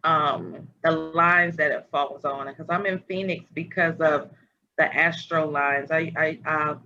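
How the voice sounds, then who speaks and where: Bright-toned woman host on a video call. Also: deep voice, fairly even intonation, measured pace, faint music behind. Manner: meandering, searching for words. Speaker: podcast host. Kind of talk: casual spiritual conversation. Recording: dull lo-fi audio with faint noise.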